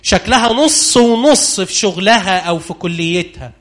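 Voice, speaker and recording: A man preaching a sermon in Egyptian Arabic, animated and constantly questioning his congregation. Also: high voice, normal speed.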